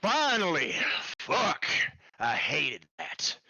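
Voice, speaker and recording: A man's voice: on the high side, wildly swooping pitch, extremely slow, creaky, pushed and bright, slightly rough, dry recording, muffled recording, exaggerated voice. A man voicing a foul-mouthed, sardonic guide in a tabletop game, blunt, knowing and taunting. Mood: exasperated, sardonic.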